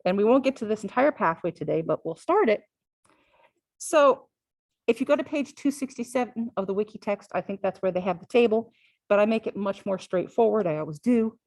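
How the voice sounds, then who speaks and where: A woman's voice: mid-range voice, lively intonation, fairly quick, a little mellow, dry recording, low-quality recording. A woman teaching a physiology class, talking conversationally and often checking in with "all right?". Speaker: physiology lecturer. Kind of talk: classroom lecture.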